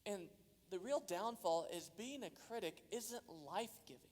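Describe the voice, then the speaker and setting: A man's voice: high voice, animated, normal speed, darkish tone. A man preaching a sermon as a pastor, earnest, and his voice rises for emphasis. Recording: long hall reverb.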